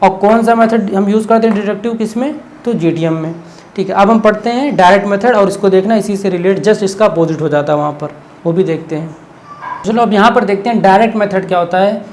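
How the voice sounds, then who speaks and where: A male teacher giving an exam-prep lecture in a relaxed, conversational tone. He explains by asking himself questions and keeps checking in with "okay?". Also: high-pitched, brisk, slight background noise.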